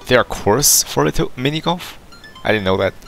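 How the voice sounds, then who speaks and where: A man's voice: medium pitch, lively intonation, moderate pace, creaky, fairly bright tone, soft background music. A man playing a dating game, casually reading its text aloud and stumbling over words now and then. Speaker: let's play gamer.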